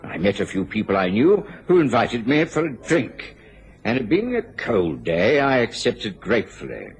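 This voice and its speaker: An actor playing a courteous, earnest doctor who serves as narrator in a radio drama. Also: male voice, mid-range voice, wildly swooping pitch, normal speed. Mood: measured storytelling.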